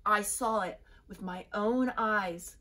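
A woman voicing an excitable, panicked little female chick in a storybook, with emphatic, drawn-out alarm. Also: mid-range voice. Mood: insistent, dramatic.

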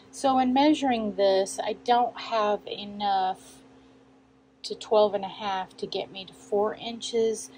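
Slow-talking woman quilter thinking aloud. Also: medium pitch, a little hiss or hum, low-quality recording. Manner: chatty, thinks aloud while measuring. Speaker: quilting channel host. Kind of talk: casual sewing tutorial. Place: sewing room at a cutting table.

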